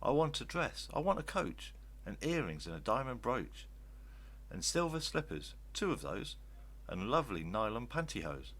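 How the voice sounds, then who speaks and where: A man's voice: medium pitch, sing-song, moderate pace, a bit bright. A man voicing a feisty, demanding, dramatic young Cinderella in a storybook reading. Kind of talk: storybook verse character voice.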